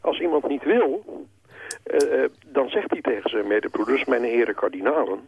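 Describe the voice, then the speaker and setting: A man on the phone as a church historian guest, explaining in a measured way with some hesitations. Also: medium pitch, big pitch swings, vocal fry, husky, muffled recording. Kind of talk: phone interview.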